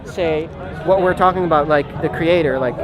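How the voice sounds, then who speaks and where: A man in an informal philosophical discussion, halting and repeating phrases as he searches for words. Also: a little high. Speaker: participant in a street debate. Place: outdoors in a busy public park. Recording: outdoor street recording with crowd chatter. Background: crowd chatter.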